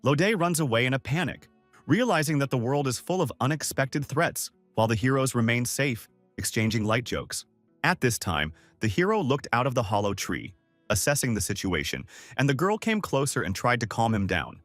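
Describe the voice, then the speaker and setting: Lively male recap narrator. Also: mid-range voice, normal speed, no room sound, soft background music. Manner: steady storytelling read, summarizing comic panels. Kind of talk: scripted narration.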